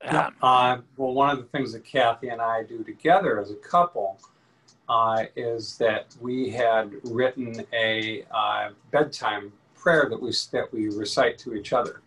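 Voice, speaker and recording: Man, slow, pauses with uh, video call. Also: medium pitch, steady tone, a bit bright, low-quality recording. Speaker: congregation member. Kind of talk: casual chat on a video call.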